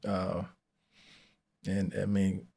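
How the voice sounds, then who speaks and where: A man's voice: low-pitched, little pitch movement, extremely slow, gravelly, mellow, husky, dry recording. A man in a Bible study group, sharing a thought hesitantly and thinking aloud. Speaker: group member. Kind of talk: casual group discussion.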